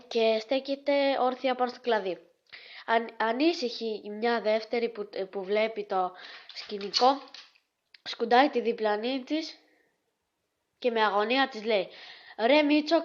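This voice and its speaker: A woman with a fairly high voice reads jokes aloud for her vlog, in a loose, halting way full of restarts. She breaks off now and then to talk to her dog. The recording is dull and lo-fi, like a basic home setup. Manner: halting, with many restarts and hesitations. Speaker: vlogger. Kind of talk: casual joke reading.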